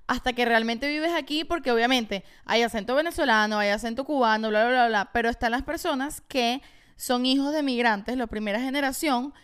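A woman's voice: on the high side, a little fast, fairly bright tone, smooth. A woman co-hosting a podcast in casual chat, explaining things at length with enthusiasm. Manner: enthusiastic, talks in long explanations. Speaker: podcast co-host.

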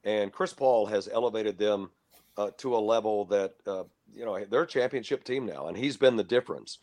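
An older man from Texas, a longtime basketball broadcaster, giving measured, opinionated answers as a guest in a casual interview, with no regional accent. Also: lowish voice, a little mellow. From Lubbock, Texas.

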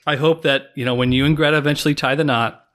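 A man's voice: on the high side, fairly even intonation, fast talker, fairly bright tone. A man in his thirties hosting a show, casually chatting and recapping clips. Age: 30s. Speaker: podcast host.

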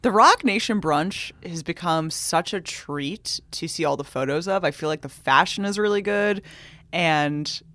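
A woman co-hosting a podcast, chatting casually about celebrity news with quick puns. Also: lowish voice, a bit bright, dry recording. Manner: quick-witted, chimes in with puns. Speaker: podcast co-host. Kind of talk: casual celebrity gossip chat.

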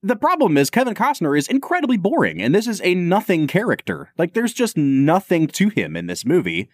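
A man's voice: sits high, huge pitch swings, a little fast, dry recording, studio quality. A man co-hosting a podcast, chatting casually and opinionatedly about a film, laughing often. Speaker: podcast co-host.

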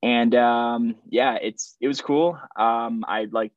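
Speaking slowly in a mid-range voice, a young French-speaking man from Switzerland chats as a podcast guest, loose and meandering with plenty of filler words. The recording has no reverb and sounds like it came over a phone.

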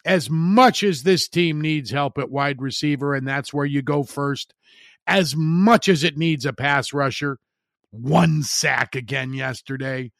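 Middle-aged guy ranting about football, blunt and punchy, slightly high voice, dry close sound. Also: a little slow, creaky, fairly bright tone, no room sound. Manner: blunt, emphatic, repeats words for emphasis. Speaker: sports commentator. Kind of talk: opinionated sports commentary monologue.

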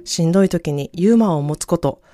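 A woman hosting a self-care podcast, speaking gently and encouragingly. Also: lowish voice. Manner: gentle, encouraging, repeats phrases slowly. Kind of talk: solo podcast talk.

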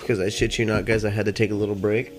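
Stoned on cannabis, this solo podcast host rambles along in slangy, easygoing talk full of profanity, with music in the background. His delivery is flat and his pace quick.

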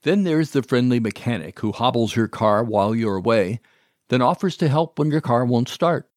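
Male host for scripted narration, measured and wry, dry close recording. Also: mid-range voice, expressive, a little mellow, dry recording.

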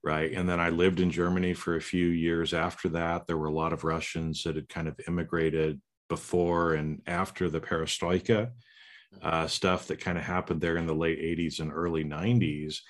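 In a casual interview chat, a middle-aged man from the United States hosts with a low voice, flat delivery, and normal speed. He rambles, restarting frequently and adding "right?" tags as he goes.

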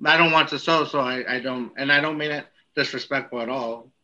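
A man's voice: medium pitch, fairly even intonation, a little fast, bright, forceful tone, muffled recording. A man hosting a casual podcast chat, reading out listener questions and joking along with laughs.

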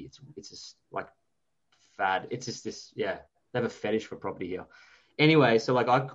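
Here an interview guest, an Australian investor and author in his thirties, speaks at a medium pitch, relaxed and chatty, drifting into anecdotes. The sound quality is muffled and dull.

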